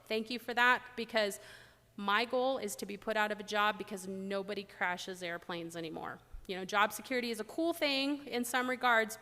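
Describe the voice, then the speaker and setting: A middle-aged woman, an air safety investigator, giving a blunt, joking conference talk with animated storytelling. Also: mid-range voice, in a large hall. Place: large conference hall.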